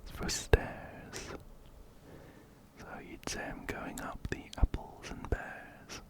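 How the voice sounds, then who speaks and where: Up close to a binaural microphone, ear to ear, a man whispers gently and breathily through an ASMR game playthrough. He takes his time and softly repeats words.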